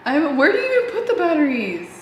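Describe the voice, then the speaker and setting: A young woman in her twenties talks fast in a high voice with wildly swooping pitch, vlogging casually from her small home gym. She's chatty and giggly, slips in Spanish phrases, and her lapel mic catches reverb and a little hiss or hum.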